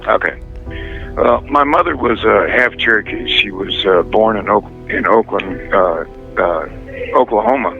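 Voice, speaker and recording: Low-voiced man on a prison phone. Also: gravelly, soft background music. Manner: halting, hesitant, many pauses. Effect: prison phone line. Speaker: inmate guest calling in. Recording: muffled prison phone line.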